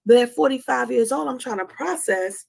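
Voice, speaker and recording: Her voice a little high, expressive and creaky, a woman in her forties speaks at a moderate pace as host of a live talk on anxiety. She gives an honest, motivational testimony, repeating key phrases with emphasis.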